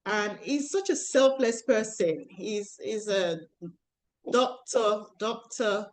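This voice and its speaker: A woman's voice: medium pitch, slow, slight background noise. Chatty woman hosting an online panel. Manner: chatty, rambling, many restarts. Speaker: host and relationship coach. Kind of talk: live online panel introduction.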